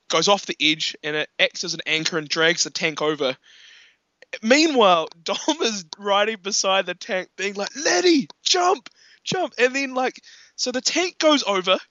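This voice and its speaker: High bright man chatting about films. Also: normal speed, dry recording, lo-fi sound. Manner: animated, laughing often, acts out quotes. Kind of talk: casual film discussion.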